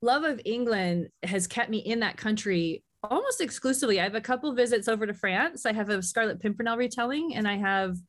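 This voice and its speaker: A woman's voice: fairly high pitch, a little fast, few pauses. An American woman telling personal stories as a podcast guest in a casual, effusive way. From United States. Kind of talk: casual, chatty personal storytelling.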